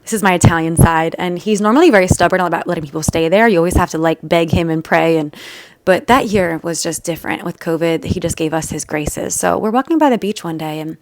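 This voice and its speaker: A woman's voice: on the low side, fast talker, no echo. A young woman vlogger telling a personal story in a chatty, emotional, rambling way with many fillers. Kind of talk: casual storytelling to camera.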